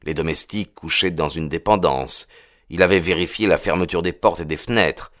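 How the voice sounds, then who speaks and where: Deep-voiced guy reading a novel aloud, measured and expressive, totally dry sound. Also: no echo. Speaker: audiobook narrator. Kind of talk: scripted narration.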